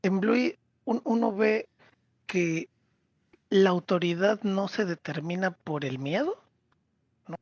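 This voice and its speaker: A man with a Mexican Spanish accent talking casually on a podcast, retelling scenes with lively acted-out quotes. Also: sits high, slow pace, pauses often, no echo, muffled recording. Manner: animated storyteller, acts out character quotes. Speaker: podcast co-host.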